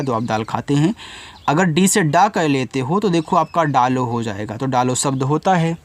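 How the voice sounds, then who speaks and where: A man teaching English spelling in Hindi, who spells each word out letter by letter and then patiently explains how every sound is read. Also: on the high side.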